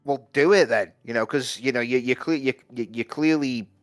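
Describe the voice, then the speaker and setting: A man co-hosting a podcast, talking in halting starts and repeating his first words before getting going. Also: medium pitch, no echo, faint music behind. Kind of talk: casual podcast discussion.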